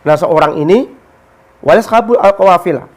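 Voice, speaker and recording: A man's voice: high voice, normal speed. A man, a religious teacher explaining a story in casual talk and quoting Arabic texts. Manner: storytelling, mixes Arabic quotes with explanation, animated.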